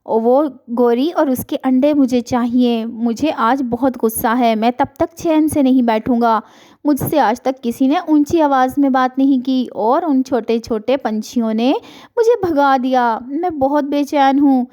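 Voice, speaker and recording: A woman's voice: high voice, dark tone, lightly acted. A woman voicing a cruel, greedy male kite bird in a cartoon story, menacing and boastful. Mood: angry.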